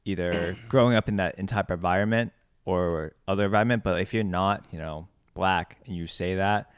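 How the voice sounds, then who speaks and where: A man from the US East Coast hosting a podcast, chatting casually and asking questions in a halting way, often repeating words. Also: sits low, smooth, no room sound, clean studio sound. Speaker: podcast host. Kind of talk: casual chat.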